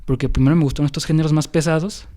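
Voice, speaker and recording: Rapid-fire and fairly even in intonation, this young man's voice is on the high side with a dark tone. He has a Mexican accent and hosts a casual music-history podcast, rambling with many fillers and restarts.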